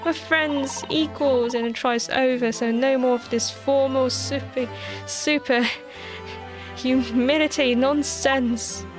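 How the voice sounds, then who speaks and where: A woman's voice: sits high, steady tone, slow pace, music in the background. A woman voicing a brash, cocky young male defense lawyer in a game, talking in a swaggering, boastful way.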